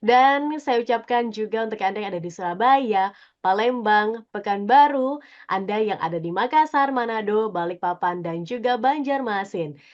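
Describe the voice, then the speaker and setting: A woman hosting a radio talk show, greeting listeners and putting lively questions to her guest. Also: mid-range voice, moderate pace, lo-fi sound. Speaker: radio host.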